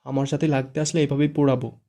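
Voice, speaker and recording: A man reading a story aloud, voicing a quick-tempered young woman with angry, sharp retorts. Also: medium pitch, flat delivery, lightly acted.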